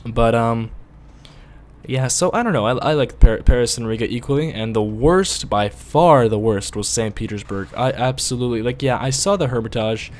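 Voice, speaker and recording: A Latvian-speaking man hosts a gaming video, rambling through casual commentary in a mid-range, slightly mellow voice at normal speed. Whenever the driving goes wrong, he curses and bursts out.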